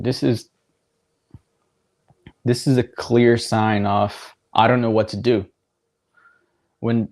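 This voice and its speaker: A young man casually talking over a soccer match on his livestream, rambling with lots of fillers and little laughs. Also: lowish voice. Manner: relaxed, rambling, filler-heavy, laughs often. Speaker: livestream watchalong host. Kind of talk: casual live commentary.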